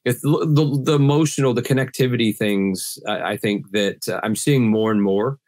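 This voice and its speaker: A middle-aged guest sales trainer answers earnestly in a video-call podcast interview, restarting often, his mid-range voice slightly scratchy from pollen. He speaks at a moderate pace with a darkish tone, and the studio sound is clean with no echo.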